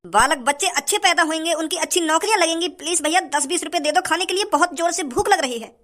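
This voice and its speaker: A man's voice: extremely high pitch, fast talker, sharp tone. An actor playing a poor, hungry young male beggar who pleads for a little money in a comedy sketch. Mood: pleading. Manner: begging, pleading.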